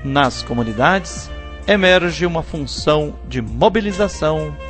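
A Brazilian man reading a scripted religious reflection as a radio host, with formal, measured phrasing. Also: fairly high pitch, lively intonation, a bit bright, faint music behind.

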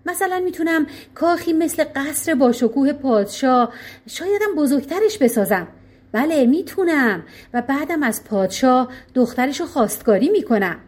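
A woman voicing a greedy, boastful grown man in a storybook tale. He talks in an eager, grasping, excitable way. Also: high-pitched. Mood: greedy glee.

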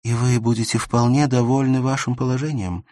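A man's voice: mid-range voice, flat delivery, a little fast, dark tone, dry recording, studio quality, voice pushed up, close to an everyday voice. A man reading aloud voices a serious young woman who asks pointed, cool questions. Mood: curious.

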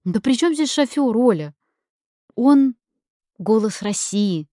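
A woman's voice: on the high side, lively intonation, slow, dark tone, no echo, clean studio sound, pitched above the performer's own voice. A woman voicing a pushy lovestruck young woman. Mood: excited, pushy. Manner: exclaiming, pushy, swearing. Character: impulsive young woman in love, sharp-tongued.

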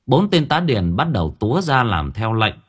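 A man's voice: medium pitch, very animated, normal speed, slightly rough. A man narrating a ghost story in a dramatic storytelling manner. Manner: dramatic, swings in tone. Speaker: audiobook narrator.

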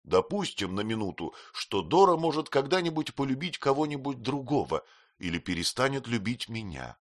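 A man's voice: mid-range voice, fairly bright tone, dry recording, studio quality, voice pushed up. A man doing an earnest young lover. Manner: fervent, earnest protests.

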